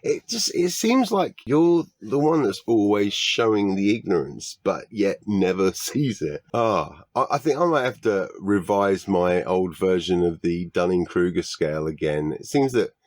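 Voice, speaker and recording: A man's voice: sits low, animated, measured pace, few pauses, darkish tone, no echo. A British man giving a sarcastic, exasperated commentary rebuttal, swearing often. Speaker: YouTube debunking commentator.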